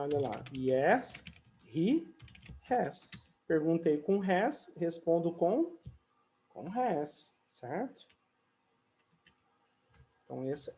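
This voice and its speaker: A man from Brazil teaching English in an online conversation class. He talks in a chatty way, fills his pauses with "né" and "ó", and sings or draws out his English example sentences. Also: on the high side, mellow.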